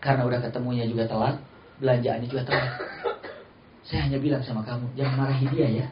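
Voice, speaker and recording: A male preacher voicing a gentle, kindly prophet who consoles a crying slave in a told story. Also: medium pitch, fairly even intonation, fast, heavy background noise, close to an everyday voice. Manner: soft, caring, reassuring. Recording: roomy, slightly dull recording.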